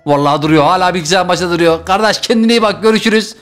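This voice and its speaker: A young man commentating as he plays a video game, excitable, jumping from loud high yelps to low muttering. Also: rapid-fire, soft background music. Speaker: gaming YouTuber. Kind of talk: Let's Play commentary.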